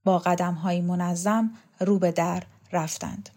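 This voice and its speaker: A woman narrating a novel in a calm, measured, scripted audiobook reading. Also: fairly low pitch.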